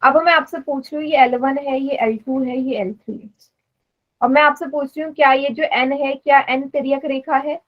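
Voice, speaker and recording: A woman's voice: sits high, steady tone, moderate pace, highs cut off. A woman teaching math in a live online class, patiently explaining and quizzing students. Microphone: online class stream.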